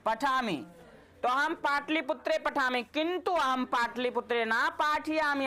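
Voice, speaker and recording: A woman's voice: a little high, pushed and bright. A woman teaching a Sanskrit class, quizzing and teasing her students.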